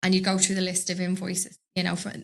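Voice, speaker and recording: A business owner from Dublin, Ireland, chats casually as a podcast guest in a studio, rambling between stories and laughing often in her Dublin accent. Her lowish, gravelly voice is fast with a completely flat delivery.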